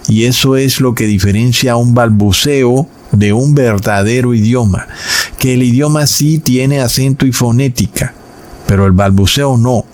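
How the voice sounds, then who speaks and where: A man preaching in a sermon-style Bible lesson, addressing his listeners as brothers and slowing down on key words for emphasis. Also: medium pitch, a little mellow.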